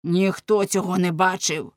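A woman reading an audiobook voices an indignant, blunt man who accuses slowly. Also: on the low side, steady tone, no echo, lightly acted.

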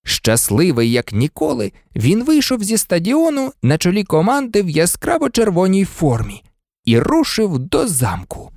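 A narrator reading a children's fantasy story aloud, dramatic and lively, switching into many character voices. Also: medium pitch, normal speed, no room sound, clean studio sound. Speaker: audiobook narrator.

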